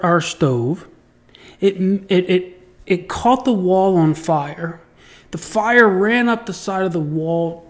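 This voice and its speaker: A man telling a personal story in a casual monologue, acting out voices and sound effects and swearing freely. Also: high voice. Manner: swears freely, repeats words when excited. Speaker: podcast host.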